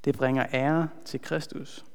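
A man preaching a sermon in an earnest, measured way, slowing down to stress key words. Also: medium pitch, flat delivery, creaky, clean tone. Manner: earnest, measured, slows for emphasis. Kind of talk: sermon with a retold story. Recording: long hall reverb.

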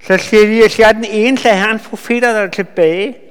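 A man giving a sermon, retelling a Bible story with lively asides to his listeners. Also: high voice, clean tone. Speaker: preacher. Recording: long hall reverb.

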